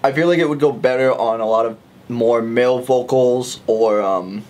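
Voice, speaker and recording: A man's voice: mid-range voice, moderate pace, a little mellow. A man in a studio casually giving his thoughtful take on microphones. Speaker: audio engineer friend. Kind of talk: casual chat. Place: studio room.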